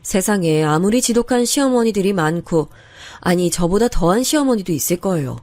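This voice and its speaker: A woman's voice: medium pitch, animated, brisk, a little mellow, no room sound. A woman narrating a first-person story in an earnest, confiding way. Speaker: narrator of a true-story drama.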